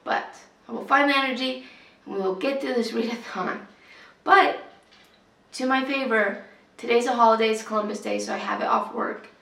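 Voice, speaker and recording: A young woman chatting casually in a reading vlog, sick and losing her voice, often dropping to a soft half-whisper. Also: fairly high pitch, fairly even intonation, normal speed, creaky, echoey room. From US West Coast. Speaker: book vlogger. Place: at home.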